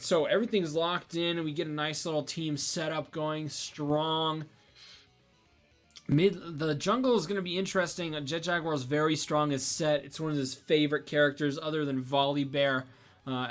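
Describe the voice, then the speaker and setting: A man's voice: a little high, steady tone, moderate pace, fairly bright tone, soft background music. A young man casting a college esports match in casual, rambling commentary, sleepy and yawning, with lots of fillers and restarts. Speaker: esports caster.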